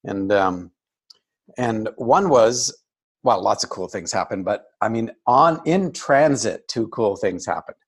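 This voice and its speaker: Older man with a gravelly voice. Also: lowish voice, unhurried. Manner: animated, acts out quoted voices. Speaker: interview guest. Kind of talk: casual storytelling.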